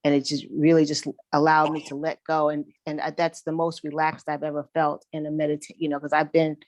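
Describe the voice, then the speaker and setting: A woman in a meditation group talking in a slow, reflective, loosely rambling way about her experience, on a video call. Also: low-pitched, completely flat delivery, a little mellow, no echo.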